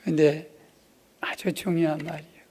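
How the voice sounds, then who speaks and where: A man preaching a revival sermon in a church, dropping to hushed asides and rising to loud exclamations. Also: fairly high pitch, flat delivery, moderate pace, slightly rough. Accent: Korean. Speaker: pastor. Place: church sanctuary.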